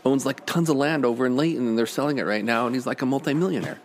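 A man's voice: mid-range voice, racing, a little hiss or hum. A middle-aged man who owns a diner, chatting casually on a podcast and telling rambling, enthusiastic stories. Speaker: diner owner. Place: diner dining room.

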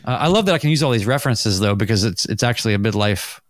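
A man's voice: lowish voice, expressive, fast talker, no echo, studio quality. A middle-aged man hosting a casual podcast chat, rambling and self-deprecating, laughing often, on a mic over a video call. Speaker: podcast host.

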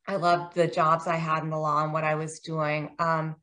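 A woman's voice: low voice, little pitch movement, normal speed, a bit bright. An American woman in her forties, a guest author, talking in a chatty, self-deprecating way with frequent ums. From United States. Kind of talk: casual interview.

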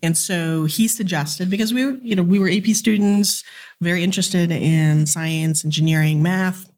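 A woman in her forties from the Philippines talks as a guest, telling stories with energy. Her voice is somewhat low, and her telling is lively and chatty. She often laughs mid-sentence. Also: normal speed. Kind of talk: casual interview chat.

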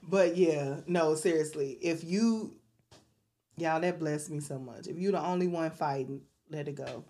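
Hosting a podcast in casual conversation, this low-voiced woman sounds warm, letting out churchy exclamations and reading a mantra at a slow pace.

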